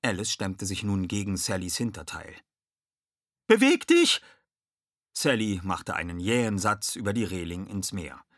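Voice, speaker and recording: A man narrating a children's audiobook in a lively, expressive reading. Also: deep voice, normal speed, few pauses, no room sound, clean studio sound.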